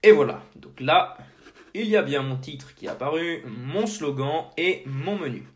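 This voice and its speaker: A man hosting a screen-recorded software tutorial, talking casually to the viewer with many fillers and restarts. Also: fairly high pitch, lively intonation, unhurried. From French-speaking. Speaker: tutorial host.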